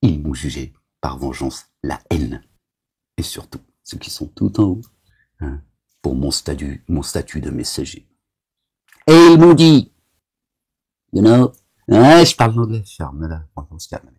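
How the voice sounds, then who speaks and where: Very deep gravelly husky man ranting. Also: lively intonation, normal speed. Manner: agitated, scolding, full of verbal tics. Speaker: self-styled preacher addressing viewers. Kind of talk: rambling monologue.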